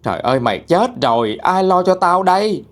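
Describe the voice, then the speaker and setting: A man's voice: sits high, sing-song, fairly quick, pitched above the performer's own voice. A man voicing a frenzied, vengeful old village mother in a storytelling ghost tale. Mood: bitter scolding. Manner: screaming, crazed.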